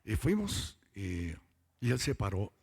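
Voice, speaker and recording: Guy giving a testimony sermon, husky gravelly voice, stretches words out to hit them hard. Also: on the low side, big pitch swings, a little mellow. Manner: storytelling, drawn-out emphatic words. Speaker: lay preacher giving testimony. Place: church meeting.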